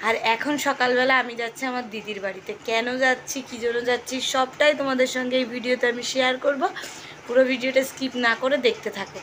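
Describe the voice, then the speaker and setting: A young woman talks straight to her viewers in a quick, breezy stream, vlogging her day at home on a handheld phone. Her voice sits a touch high, with a faint hum of room sound behind her. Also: steady tone, fairly bright tone. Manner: chatty, addresses viewers directly. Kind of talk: casual daily vlog chat. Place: at home indoors. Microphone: phone camera held by hand.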